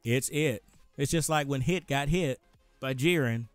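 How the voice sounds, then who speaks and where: A man's voice: medium pitch, a little slow, clean tone, dry recording, soft background music. A man co-hosting a casual movie talk, rambling and correcting himself in an upbeat way. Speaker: co-host.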